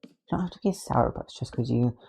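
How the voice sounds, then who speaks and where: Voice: medium pitch, quick pace, creaky, dark tone, a little hiss or hum, close to an everyday voice. A podfic reader voicing Superman, a cheerful male superhero who jokes and teases. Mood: teasing. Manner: joking, teasing.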